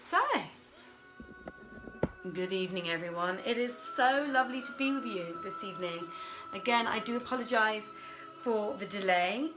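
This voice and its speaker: With poor audio, a medium-pitched woman speaks at normal speed, leaving long pauses, while hosting a live online reading from a home room with a desk and piano. Soft music plays behind her as she chats, mutters to herself and apologizes.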